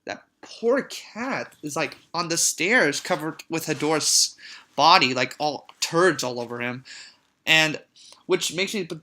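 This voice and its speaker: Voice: medium pitch, pushed and bright. A reviewer casually recapping a monster movie, rambling with many restarts and repeated words, often amused or disgusted. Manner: easily amused, reacts with disgust and disbelief. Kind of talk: casual spoken film recap.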